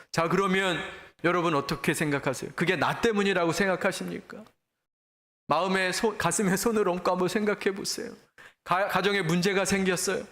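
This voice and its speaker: High-voiced man preaching in an echoey church. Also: pushed and bright. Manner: earnest, direct address to the congregation with rhetorical questions. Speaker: senior pastor. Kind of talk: sermon. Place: church sanctuary.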